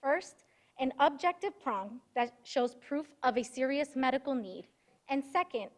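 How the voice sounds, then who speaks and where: A woman's voice: sits high, lively intonation, measured pace. A young woman law student delivering a formal, rehearsed oral argument as counsel in a moot court. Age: young adult.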